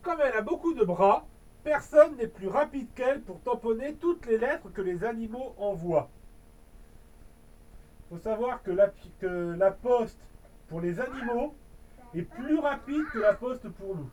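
A man with a very high voice reads a children's story aloud in a relaxed way, slipping in joking asides. He sits some distance from the microphone. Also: unhurried. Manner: jokey asides to the listener.

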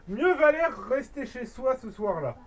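Animated woman reading a children's story. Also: high-pitched, a little hiss or hum. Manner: animated, dramatic pauses. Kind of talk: playful storybook reading with jokey asides. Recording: distant mic.

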